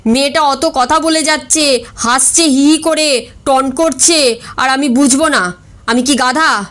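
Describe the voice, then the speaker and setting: A man's voice: very high-pitched, unhurried, pushed and bright, heavily acted. A woman reading a storybook voices an aggrieved, easily flustered middle-aged bachelor who complains indignantly and stammers when upset.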